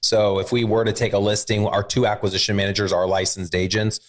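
A man with a somewhat low voice hosts a business interview. He steers the talk with questions and quick prompts. He adds short explanations of his own. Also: level tone. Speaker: host. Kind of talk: podcast interview.

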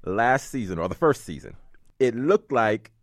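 A man's voice: mid-range voice, very animated, moderate pace, no room sound. Dry-sounding male interviewer. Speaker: guest host interviewer. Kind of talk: interview questions.

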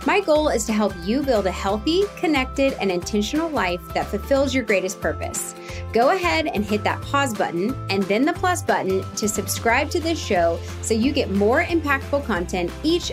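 A woman hosting a podcast, bubbly and enthusiastic, gushing as she reads her intro and interviews a guest. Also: a little high. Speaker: podcast host.

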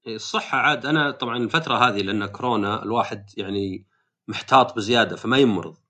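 A man's voice: on the low side, very fast, pushed and bright. A man hosting a podcast in casual conversation, asking long probing questions. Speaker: podcast host.

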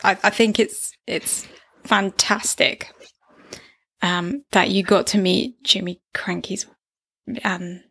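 Woman, podcast host, casual chat, teasing, mid-pitched voice. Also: steady tone, slow pace, creaky, fairly bright tone, breathy edge.

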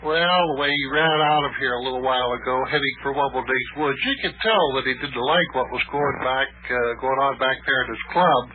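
A man's voice: medium pitch, a little fast, hardly any pauses, slight background noise, lightly acted. A man playing a folksy, kindly taxi-driving inventor. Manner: folksy, hesitant, calls the boy lad. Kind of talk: 1950s radio acting. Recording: lo-fi old radio broadcast.

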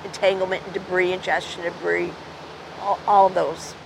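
A woman's voice: on the low side, little pitch movement, normal speed, creaky. A middle-aged or older woman, a wildlife rescuer, speaking in an interview. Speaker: head of turtle rescue group. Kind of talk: unscripted interview remarks. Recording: noisy outdoor field recording.

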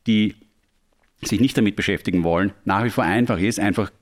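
Man, Austrian accent, lower-pitched voice, casual podcast talk, English tech terms mixed in. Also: brisk. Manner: drops English tech jargon into speech.

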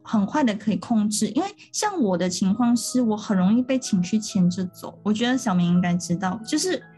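A woman's voice: mid-range voice, expressive, fairly quick, dark tone, breathy edge, soft background music. A woman co-hosting a podcast, talking through ideas in an earnest, step-by-step casual chat. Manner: earnest, explanatory, talks through steps. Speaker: podcast co-host.

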